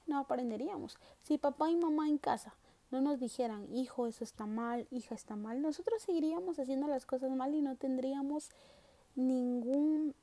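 High-voiced woman teaching a Bible lesson. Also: warm tone. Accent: Central American Spanish. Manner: explains slowly, stresses key words, asks rhetorical questions.

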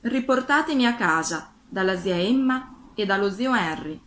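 A woman's voice: medium pitch, lively intonation, normal speed, a bit bright, a little hiss or hum, lightly acted. A woman voicing a shy, polite little girl in a storybook reading, in a raised, childlike tone. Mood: pleading.

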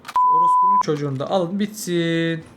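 A young man, a mobile game streamer, giving live gameplay commentary, swearing constantly and swinging from angry yelling to low muttering. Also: huge pitch swings, a little fast. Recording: noisy game audio behind.

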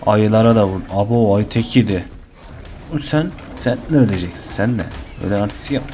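A young man casually narrating his own gameplay, chatty and teasing the creatures on screen, getting excited during fights. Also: lowish voice, brisk, a little hiss or hum. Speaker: gaming channel host. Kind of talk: casual let's-play commentary.

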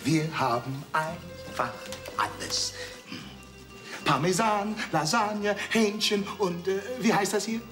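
In a TV comedy sketch, a man plays a cheeky, talkative waiter who drops Italian phrases into his lines. His voice sits high and moves slowly, with a lively sing-song delivery. It's a restaurant studio set, and music and studio audience laughter can be heard.

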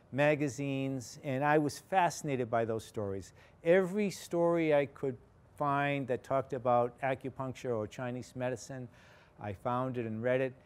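In a big lecture hall, an older Boston-accented man delivers a casual campus talk as a guest, rambling through his story with plenty of false starts and fillers. His voice is medium-pitched and a touch mellow.

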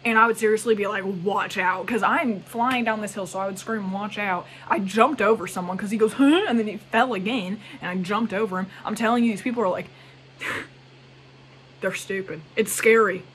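Young woman, casual vlog storytelling, animated and exclamatory, middle pitch, faint background hiss. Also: fast talker, few pauses. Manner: animated, exclamatory retelling with quoted asides. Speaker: vlogger.

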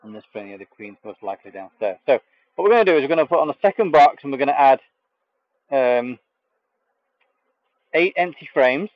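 A man's voice: medium pitch, brisk, pauses often, no echo, muffled recording. A man hosting a live beekeeping stream, talking casually with many fillers as he inspects a hive outdoors. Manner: relaxed, hesitant with many fillers. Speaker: beekeeper host. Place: outdoor bee yard. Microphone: camera mic, speaker off frame.

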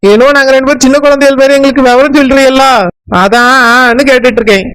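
A woman with a Kanyakumari Tamil accent voicing a chatty young village woman who talks quickly and eagerly. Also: high-pitched, steady tone, clear, resonant tone, natural voice, rough recording.

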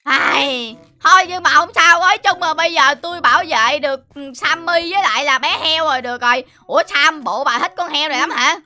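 A man's voice: very high voice, fairly quick, few pauses, sharp tone, heavily acted. A man voicing a cheeky, fussy childish boy hero in a game role-play, whining and boasting. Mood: excited. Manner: whiny, exclaiming, boastful.

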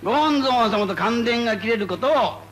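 Animated man giving lively spiritual guidance. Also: very high-pitched, moderate pace. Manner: animated, playful, repeats phrases for emphasis. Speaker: Buddhist lay leader giving guidance. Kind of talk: spoken guidance talk to a gathering. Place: meeting before a live audience.

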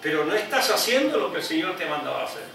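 A man, an evangelist preaching a sermon emphatically, often rising high on repeated phrases and adding "¿eh?" asides. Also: sing-song, rapid-fire, vocal fry, bright, forceful tone, soft background music. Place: church. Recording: echoey hall, heard from a distance.

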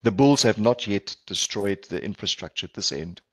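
A low-voiced South African man whose first language is Portuguese, a palliative care physician, gives a conference presentation over a video call. He is animated yet earnest and measured, with frequent ums and restarts. The dry recording seems to come from a headset or laptop microphone.

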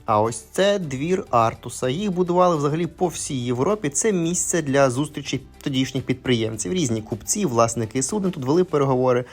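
A man's voice: mid-range voice, animated, fairly quick, hardly any pauses, soft background music. A man narrating a casual travel vlog in a chatty, conversational way with fillers. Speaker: travel vlogger.

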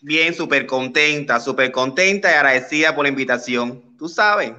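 A man's voice: medium pitch, normal speed, pushed and bright. A man voicing a brash, flirty single Cuban woman in her late twenties, with a Cuban accent and a boastful, playful manner over a video call. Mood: sassy.

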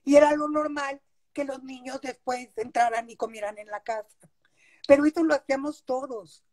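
An older woman with a Mexican Spanish accent and a noticeably high voice tells stories from her childhood. She speaks warmly and nostalgically, often affirming what she says. The audio comes from a video call made at home. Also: steady tone, normal speed. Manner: warm nostalgic storytelling with frequent affirmations. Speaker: interview guest, actress. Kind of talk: casual reminiscing.

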